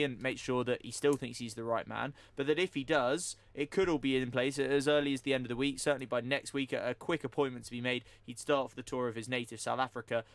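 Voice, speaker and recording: A male sports radio presenter talks quickly and fluently, laying out a news story and then arguing his view. His voice sits at a middle pitch. It is recorded close and dry in a studio. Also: a bit bright, dry recording. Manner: fast, fluent news rundown with opinions.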